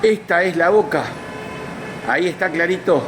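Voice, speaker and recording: Strolling through a city outdoors, a male travel vlogger explains the sights in a chatty, enthusiastic way. His voice is high-pitched and moderately paced, with music running under it and background noise around him.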